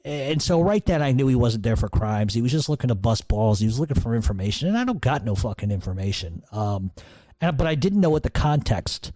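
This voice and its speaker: Profane, blunt man with a dark voice. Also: medium pitch, sing-song, fairly quick, no room sound. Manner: profane, blunt, streetwise storytelling. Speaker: podcast host. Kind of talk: casual storytelling.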